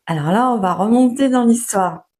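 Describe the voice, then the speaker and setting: A young woman giving a casual, patient French lesson at home, often pausing with fillers and restarting her sentences. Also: on the high side, a little mellow, a little hiss or hum. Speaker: French teacher. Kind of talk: casual spoken lesson for learners.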